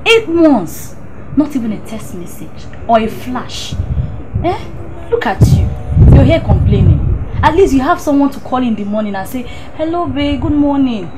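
An actress with a Nigerian accent playing a teasing student friend who scolds and mimics in a lively way. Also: female voice, high voice, normal speed, noisy background. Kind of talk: film drama acting.

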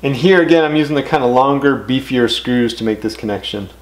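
A middle-aged man giving relaxed, step-by-step how-to instructions while building in his home workshop. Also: medium pitch, a little fast. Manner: relaxed, step-by-step explaining with casual fillers. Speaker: DIY builder. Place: home woodworking garage workshop. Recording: echoey workshop with clear background noise.

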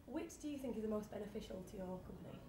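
A woman interviewer asking prepared questions quickly. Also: medium pitch, animated. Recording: distant roomy voice with background noise.

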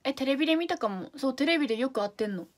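A woman's voice: sits high, expressive, rapid-fire. A young woman from Fukuoka with a Hakata accent, chatting casually on a livestream and reading out viewer comments in a bubbly way. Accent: Hakata dialect. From Fukuoka, Japan. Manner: bubbly, chatty, drops to soft asides. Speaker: idol livestream host.

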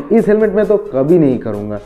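A young man with a hoarse, coughing voice chats casually to viewers in a motorcycle vlog. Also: fairly high pitch, very animated, normal speed, mellow. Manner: chatty, addresses viewers as guys. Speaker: motovlogger.

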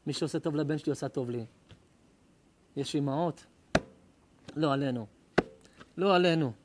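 A middle-aged rabbi preaching to a live audience in a rather high voice. He tells stories with passion, jumping from near-shouts down to soft, intimate lines. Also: fairly even intonation, noisy background. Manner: impassioned, swings between loud cries and hushed tones. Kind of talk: emotional sermon with storytelling. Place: live lecture before an audience.

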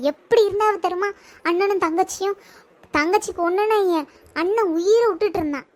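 A high-voiced, grumbling mother-in-law who sulks and complains, played by a woman in a comedy skit. She nags endlessly and pities herself at every turn. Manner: grumbling, whiny, self-pitying. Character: nagging self-pitying older mother-in-law. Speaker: comedy sketch actor.

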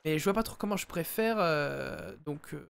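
A man giving live, chatty commentary while playing a game, talking into a headset and often addressing his viewers as ladies and gentlemen. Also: fairly high pitch, lively intonation, moderate pace, creaky, a little hiss or hum. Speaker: let's play streamer.

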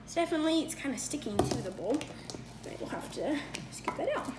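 High-pitched and sing-song, she talks fairly quickly as a young host of a laid-back home cooking video, chatty and bright, peppering her speech with fillers and self-corrections. A phone camera across the counter records her in an echoing, noisy kitchen.

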